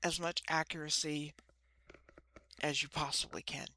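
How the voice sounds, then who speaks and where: A woman with a lisp and slushy s sounds, giving an informal spiritual talk to camera in short, halting phrases. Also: deep voice, little pitch movement, sharp tone. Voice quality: lisping, slushy sibilants from ill-fitting dentures. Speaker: host of a spiritual card-reading channel. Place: small room.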